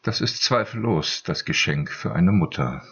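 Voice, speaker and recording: Man doing a calm old patriarch, measured, deep, husky. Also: highs cut off, full character voice. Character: older male head of household, calm and dignified.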